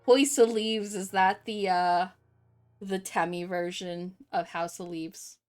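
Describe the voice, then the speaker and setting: A woman's voice: medium pitch, fairly even intonation, slow pace, faint music behind. A woman streamer chatting casually with her viewers, reading chat aloud, joking and laughing often.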